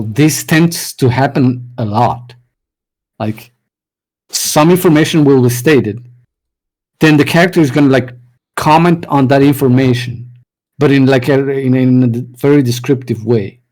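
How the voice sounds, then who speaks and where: A man's voice: medium pitch, darkish tone, poor audio. Rambling man in a casual call. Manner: rambling, many fillers and restarts, self-correcting. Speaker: writing advice speaker. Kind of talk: casual conversational talk.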